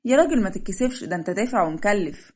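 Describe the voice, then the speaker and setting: A woman with an Egyptian accent voicing a feisty young bride who talks loudly and teasingly. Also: mid-range voice, lively intonation, racing, close to an everyday voice. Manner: loud, teasing, sassy.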